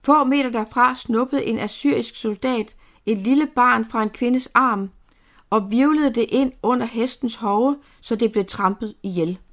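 A woman narrating a novel aloud in a steady, measured storytelling manner. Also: a little high. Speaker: audiobook narrator.

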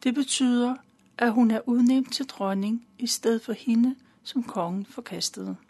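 A woman calmly retelling a Bible story in simple, plain words, with a few fillers. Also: on the high side.

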